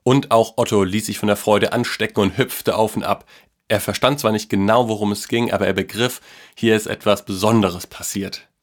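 A man telling a children's story aloud in a calm, even way. His voice sits fairly low and is steady and unhurried.

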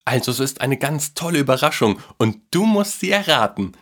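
A man voicing an excited little boy in a storybook reading, with an eager, bright way of talking. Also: medium pitch, moderate pace, voice pushed up, close to an everyday voice.

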